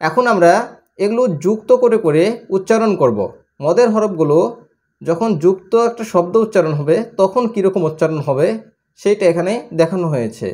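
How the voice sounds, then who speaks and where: A man teaching Quran reading, slowly spelling out Arabic letters and vowel marks in a steady chant and drawing out the long vowels, with a Bangladeshi Bengali accent. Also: high voice.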